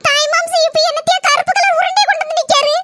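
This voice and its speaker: A woman voicing bickering village family members in a cartoon comedy, with a Kanyakumari Tamil accent and quick teasing, scolding banter. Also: very high voice, steady tone, very noisy. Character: squeaky village women and men of a bickering family.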